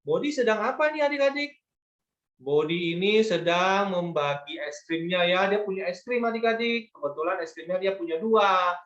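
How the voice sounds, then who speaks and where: A man's voice: high voice, moderate pace, a bit bright, reverberant, lo-fi sound. A man teaching an online Sunday school lesson to children, patient and coaxing, often asking them to agree.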